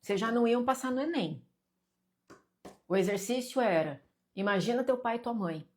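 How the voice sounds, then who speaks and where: A woman's voice: a little high, expressive, moderate pace. A Brazilian woman hosting a live stream and guiding viewers through an exercise. She reads their comments aloud and talks to them in a direct, teasing way, repeating points and pressing them.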